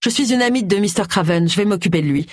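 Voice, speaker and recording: A woman's voice: mid-range voice, animated, fast, a little mellow, no echo, lightly acted. A woman voicing a sardonic middle-aged woman detective with a dry manner in an audiobook. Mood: firm.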